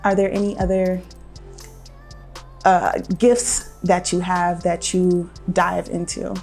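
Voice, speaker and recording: A woman's voice: fairly low pitch, flat delivery, takes it slowly, darkish tone. Playful woman host, faint music. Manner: encouraging, playful, laughs and affirms often. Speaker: talk show host. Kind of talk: casual interview chat.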